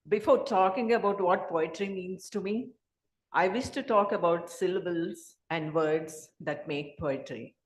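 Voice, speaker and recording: A woman poet giving a formal, measured prepared speech at a literary event. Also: lowish voice. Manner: slow, measured, formal delivery. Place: hall. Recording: echoey hall.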